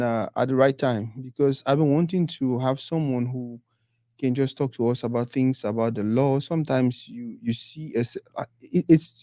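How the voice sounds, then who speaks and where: A man from Cameroon hosting an interview, asking lively questions and murmuring frequent agreement. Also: medium pitch, dry recording, studio quality. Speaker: interview host. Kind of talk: interview conversation.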